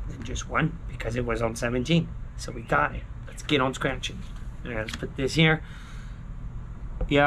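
Sitting out by a backyard pool and screened patio, a thirtysomething scratch-ticket vlogger talks to his viewers in a relaxed, slangy way, leaning on short catchphrases he keeps repeating. He has a slightly high, sharp-toned voice, with a bit of background noise.

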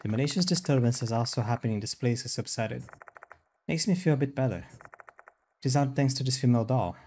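A man's voice: medium pitch, animated, fast, darkish tone, a little hiss or hum. A man streaming a game, reading its text aloud and adding casual commentary.

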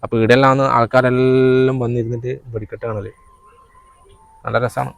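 A man's voice: medium pitch, flat delivery, fairly quick, creaky. A man with a northern Kerala accent chatting casually and colloquially on a vlog, explaining local spots. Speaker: vlog companion, father. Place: outdoors beside fields and water.

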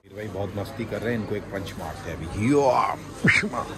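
A man's voice: low-pitched, racing. A man from Pakistan with a Karachi Urdu accent, chatting playfully and teasing his children as he vlogs a family shopping trip. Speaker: vlogger. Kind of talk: casual family vlog. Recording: busy market crowd behind. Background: market crowd and traffic.

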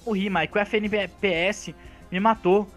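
A young man with a Brazilian Portuguese accent playing an online game with his friend, urging him on in quick bursts. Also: steady tone, fairly bright tone, soft background music. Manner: fast, high-pitched, urging his partner on. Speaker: gamer. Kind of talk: excited co-op gameplay chatter.

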